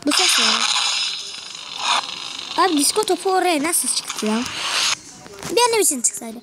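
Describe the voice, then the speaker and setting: A young woman streaming a game from her bedroom, excitable, with frustrated muttering and mild swearing. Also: high-pitched, normal speed, heavy background noise. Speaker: gaming channel host. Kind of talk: casual gameplay commentary. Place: bedroom at home.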